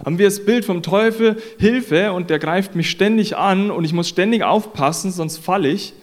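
A man's voice: sits high, moderate pace. A man preaching a sermon in an earnest, conversational way, repeating phrases for emphasis.

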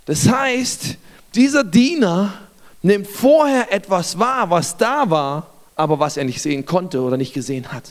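A young man preaching a sermon, telling a Bible story with lively asides and acting out the characters' lines, speaking straight to his listeners. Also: high voice, a little slow, big-room sound.

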